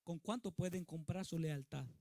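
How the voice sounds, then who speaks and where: A male pastor preaches with emphasis and keeps turning to his listeners with questions. His voice sits high for a man. The recording is dry and close, with no room echo. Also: moderate pace, warm tone. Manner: emphatic, asks the congregation questions. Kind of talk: sermon.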